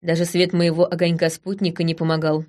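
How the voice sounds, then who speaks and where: A woman reading a fantasy novel aloud in the first person, with brisk, tense storytelling. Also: on the low side, flat delivery, darkish tone. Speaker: audiobook narrator. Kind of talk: scripted first-person narration.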